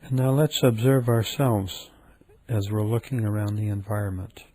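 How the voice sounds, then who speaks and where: This guided meditation is led by a man whose voice is fairly low; he stays soft, calm and slow, leaving many pauses.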